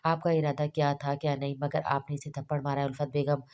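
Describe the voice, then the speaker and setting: A woman voicing a middle-aged husband who is stern and exasperated, reading him in a low, flat voice. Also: quick pace.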